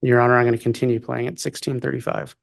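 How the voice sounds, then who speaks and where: A man's voice: medium pitch, flat delivery, fast, gravelly. A man speaking as an attorney, formally questioning a witness in a courtroom.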